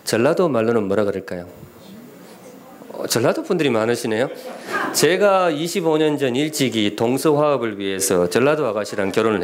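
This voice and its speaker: Lively middle-aged pastor preaching. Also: male voice, mid-range voice. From Gyeongsan, North Gyeongsang, Korea. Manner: lively preaching with questions and humor to the congregation. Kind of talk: sermon. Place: church sanctuary.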